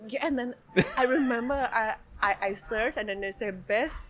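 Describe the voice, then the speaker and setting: A woman with a Thai accent talking casually as an interview guest, in a halting way that repeats words. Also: fairly high pitch, a bit bright. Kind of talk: casual chat.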